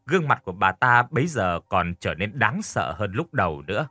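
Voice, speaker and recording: A man narrating a spooky story in a scripted, expressive storytelling style. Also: lowish voice, a little fast, no room sound, clean studio sound. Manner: expressive, voices characters lightly.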